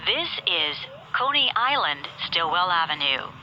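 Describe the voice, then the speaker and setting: A woman reading scripted public transit announcements in an airport-announcement style, enunciating clearly in formulaic, separate phrases. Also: on the low side, big pitch swings, unhurried. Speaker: automated subway train announcer. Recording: muffled train PA, background noise.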